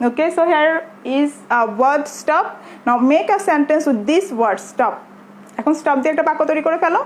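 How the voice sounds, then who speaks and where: A Bangladeshi woman teaching English to young pupils in an online class, speaking in a drawn-out way and switching between English and Bengali. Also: sits high. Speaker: primary school English teacher.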